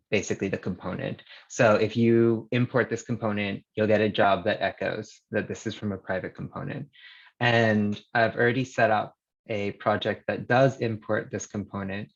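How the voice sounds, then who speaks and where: Low, gravelly male presenter, heard through a dull screen recording of a video call; casual and hesitant, full of fillers. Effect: screen-recorded video call audio. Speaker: engineer presenting a demo. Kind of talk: live software demo on a video call.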